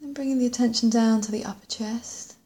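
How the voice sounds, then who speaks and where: Lady doing a body scan meditation, really relaxed dark tone, flat even pitch, slow gentle phrases that trail off. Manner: gentle, unhurried, with long pauses and trailing softly at phrase ends. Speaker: meditation guide.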